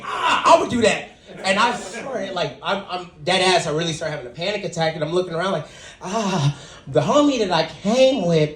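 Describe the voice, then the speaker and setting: A young man telling a stand-up story with a fairly high voice that leaps up when he acts out other people. His voice carries a roomy echo. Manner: animated, acts out quotes with big pitch jumps. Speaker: stand-up comedian.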